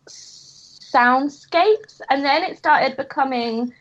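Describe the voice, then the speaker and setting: Woman, giggly chatter, very high voice, muffled lo-fi sound. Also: extremely slow. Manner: chatty, giggly, rambling anecdotes. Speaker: comic creator guest. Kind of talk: casual podcast chat.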